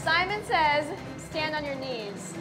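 A woman's voice: sits high, big pitch swings, slow pace. A woman hosting a challenge game in a playful, teasing way, with music playing underneath. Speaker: challenge video host. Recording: background music.

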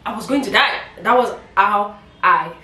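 A woman's voice: medium pitch, moderate pace, pushed and bright, recorded from a distance. A young woman, telling her viewers a personal story in a casual, emotional vlog monologue with asides to the audience. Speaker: vlogger. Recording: roomy echo, mic set back.

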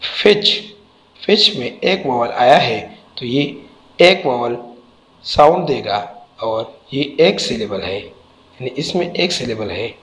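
A man's voice: medium pitch, lively intonation, slow, low-quality recording. A man teaching a textbook lesson, spelling out letters and repeating each word carefully.

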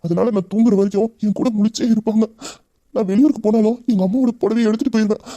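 A man's voice: sits high, steady tone, dark tone, no echo, highs cut off, natural voice. A man with a Tamil accent playing a loving young husband who grieves his mother, talking intimately and heartfelt. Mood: tender. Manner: intimate, heartfelt, rapid talk. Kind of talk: romantic audio drama.

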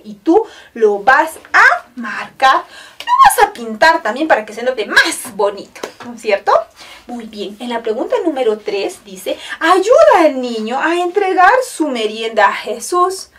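Animated sing-song woman teacher. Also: fairly high pitch, recorded from a distance. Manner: sing-song, exaggerated and encouraging, with many diminutives. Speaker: kindergarten teacher. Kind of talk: storytelling lesson for young children.

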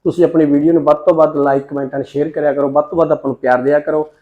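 A man's voice: fairly high pitch, level tone, quick pace, dull audio. A man signing off his channel, asking viewers to like, comment and subscribe. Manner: friendly, direct appeal to viewers. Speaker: channel host. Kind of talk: casual sign-off to viewers.

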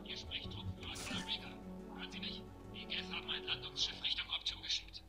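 A man's voice: sits high, steady tone, fairly quick, loud music behind the voice. A man voicing a male marine in a video game who is pinned down and calling for help over a sci-fi radio communicator, in clipped military speech. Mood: urgent. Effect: sci-fi radio communicator transmission. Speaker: game character. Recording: noisy crackling radio channel.

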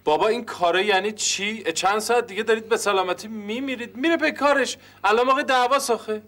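A lecturing, high-voiced detective. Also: male voice, pushed and bright. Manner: lecturing, reproachful. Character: earnest scolding detective Ardalan. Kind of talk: TV sitcom acting.

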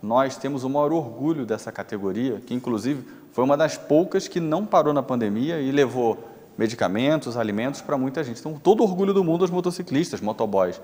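Fast-talking Brazilian male news anchor. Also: medium pitch, expressive, a little mellow, big-room sound. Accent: Brazilian Portuguese. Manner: chatty, quick and informal. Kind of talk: casual studio commentary. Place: TV news studio.

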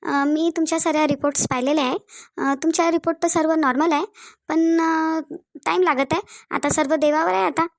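A soothing female doctor from a cartoon, voiced by a woman with a Varhadi Marathi accent. The voice sits high with a gravelly edge, and the recording is close and dry. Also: fairly even intonation, a little fast, no room sound. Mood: reassuring. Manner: soothing, repeats reassurances. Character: calm reassuring female doctor, middle-aged.

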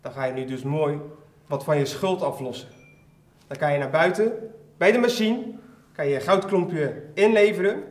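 A man plays a dismissive, commanding western boss for a children's comedy. His voice sits a little high, and rings in an echoey room. He speaks curtly and stays unbothered. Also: normal speed, natural voice. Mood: businesslike. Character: curt, dismissive male gold-town boss. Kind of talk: comic children's western acting.

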